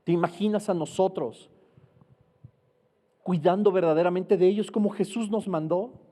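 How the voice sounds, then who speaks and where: A man delivers an earnest sermon, slowing down to stress key words and posing rhetorical questions. His voice sits high but mellow. A long reverb trails after him. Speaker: preacher.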